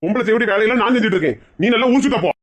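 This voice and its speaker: A woman's voice: a little high, animated, very fast, voice pushed down. A woman voicing a meek middle-aged husband with a Kanyakumari Tamil accent, pleading and coaxing. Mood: sulky.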